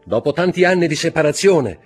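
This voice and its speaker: A man's voice: fairly low pitch, very animated, brisk, breathy edge, soft background music, voice pushed up, heavily acted. A man voicing a scheming young man who poses as a noble son, sly and ingratiating. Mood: gushing.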